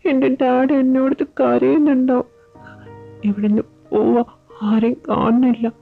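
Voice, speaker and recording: A woman's voice: fairly even intonation, normal speed, creaky. Woman voicing a tearful young male captive. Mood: pleading. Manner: high, pleading and tearful. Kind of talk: amateur fan audio drama. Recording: tinny phone-like audio with faint music.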